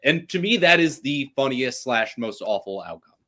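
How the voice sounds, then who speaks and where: A man's voice: mid-range voice, expressive, normal speed, bright, forceful tone. A man co-hosting a sports podcast, joking around with playful, exaggerated groans. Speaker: podcast co-host. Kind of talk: casual sports podcast banter.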